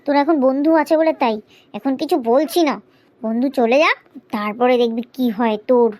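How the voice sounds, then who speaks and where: A woman voicing a strict, short-tempered mother in a cartoon, with a shrill, nagging way of talking. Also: normal speed, darkish tone, close to an everyday voice. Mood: scolding. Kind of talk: cartoon dubbing.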